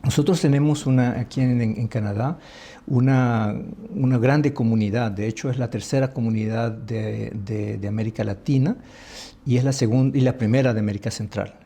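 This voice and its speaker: A man from El Salvador, an ambassador, talking in an interview in a thoughtful, halting way with many restarts. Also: on the low side, steady tone, gravelly, warm tone, husky. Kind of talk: conversational interview.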